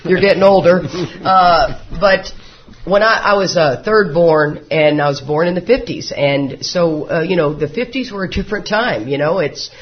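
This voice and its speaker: A man in his fifties speaks with a drawl in a slightly high voice. He talks to a recovery group as a folksy, joking storyteller who laughs along with his own stories. The recording is dull and lo-fi. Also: moderate pace. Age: 50s. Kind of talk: personal recovery talk to a live group.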